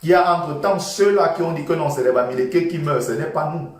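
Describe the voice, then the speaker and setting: A man's voice: on the high side, fast talker. A man giving an impassioned, repetitive political monologue, lecturing his listeners. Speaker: political commentator. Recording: echoey room from far off.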